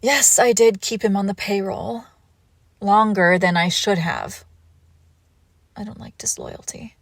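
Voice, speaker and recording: In a slow, intimate scripted romantic audio roleplay, a woman plays a suave, controlled villainous ex-lover, sounding exasperated yet protective. Her mid-range voice is creaky and often drops into a whisper, with measured formal phrasing and soft breathy pauses. There's no echo.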